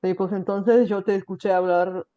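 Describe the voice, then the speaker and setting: A Bulgarian woman hosts a casual conversation in Spanish, carrying a slight Caribbean accent and using lots of fillers and tag questions. Her mid-range voice is warm and fairly even at a moderate pace, with the highs cut off.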